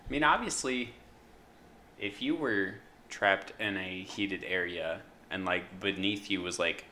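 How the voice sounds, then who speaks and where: Very low-voiced young man, slow and hesitant. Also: bright, forceful tone, a little hiss or hum. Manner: hesitant, explains with fillers. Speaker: podcast co-host. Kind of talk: casual chat.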